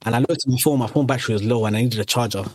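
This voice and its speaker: Young guy rambling thru a story, lots of restarts, mid pitch, dry close sound. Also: very fast, darkish tone, no room sound. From Eritrea and Sudan. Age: young adult. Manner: rambling anecdotes with many restarts. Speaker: podcast guest. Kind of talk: casual chat, storytelling.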